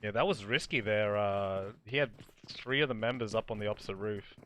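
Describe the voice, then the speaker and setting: A man co-casting a tournament, explaining matches in a halting way, his voice wearing out. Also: lowish voice, fairly bright tone, slight background noise. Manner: halting, full of ums and restarts. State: losing his voice. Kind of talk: casual esports commentary.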